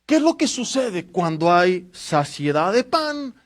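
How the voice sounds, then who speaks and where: High-voiced man preaching a sermon. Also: very animated, a little slow. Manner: passionate preaching, swinging from hushed to loud emphasis; addresses listeners directly with rhetorical questions. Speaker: pastor.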